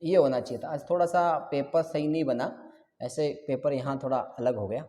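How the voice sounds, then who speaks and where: Male teacher, exam-prep lesson, repeats and quizzes, middle pitch, long echoing reverb. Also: moderate pace, warm tone. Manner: drills answers, repeats and quizzes students.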